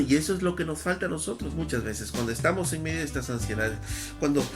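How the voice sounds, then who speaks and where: A man with a fairly high voice delivers a sermon as a pastor. He reads Scripture with emphasis and asks his listeners question after question. Soft music plays faintly behind him. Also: lively intonation, quick pace. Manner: preaching with rhetorical questions and emphatic Scripture reading.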